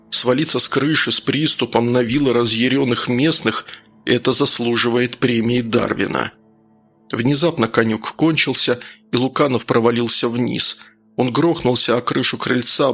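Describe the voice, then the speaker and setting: A man's voice: medium pitch, fairly bright tone. A man narrating a tense thriller audiobook. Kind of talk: scripted narration. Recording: audiobook with faint music.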